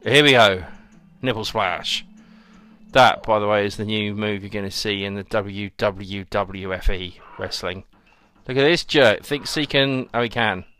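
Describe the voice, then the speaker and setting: A man's voice: on the low side, unhurried, pushed and bright, clean tone. A young man giving chatty, sarcastic commentary while he plays a video game and talks to his viewers. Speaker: host playing a video game. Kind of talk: let's play commentary. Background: faint game music.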